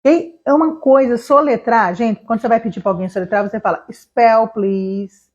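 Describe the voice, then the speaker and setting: A middle-aged woman teaching English spelling to camera, chatty, checking in with "tá?" and "né?" and slowing down to spell letter by letter. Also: a little high, a little mellow. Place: small town near a railway. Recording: dull lo-fi sound.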